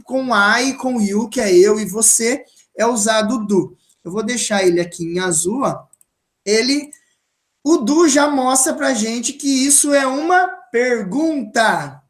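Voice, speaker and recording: A Brazilian woman teaching beginner English, with a Brazilian Portuguese accent, speaking slowly and patiently and repeating model sentences for her students. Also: on the high side, reverberant.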